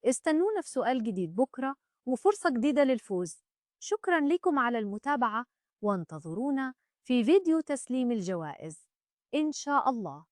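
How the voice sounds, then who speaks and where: A woman's voice: fairly high pitch, sing-song, fast talker, no echo, clean studio sound. A woman with an Egyptian accent presenting a scripted promotional message for contest followers.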